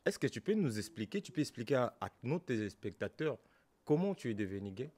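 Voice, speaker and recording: A man hosting an interview, asking questions in a calm way and slowing his guest down. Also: mid-range voice. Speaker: interviewer host.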